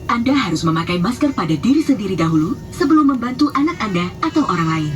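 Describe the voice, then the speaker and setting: A woman's voice: mid-range voice, big pitch swings, quick pace. Lady doing a flight safety demo, formal instructions, pretty melodic up and down delivery, music playing behind. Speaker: flight attendant announcer.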